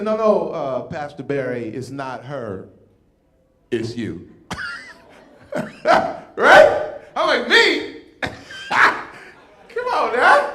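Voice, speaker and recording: A man in his fifties, high-pitched and heard in an echoey room, works a comedy club stage before a live audience. His stand-up set is animated storytelling full of acted-out voices.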